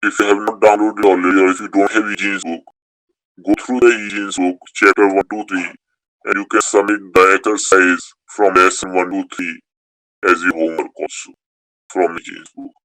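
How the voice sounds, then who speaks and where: A man's voice: sits low, flat delivery, normal speed, fairly bright tone, dry recording, rough recording. A man teaching a beginners' Sanskrit class, explaining rules step by step and repeating key points. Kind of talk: online class lecture.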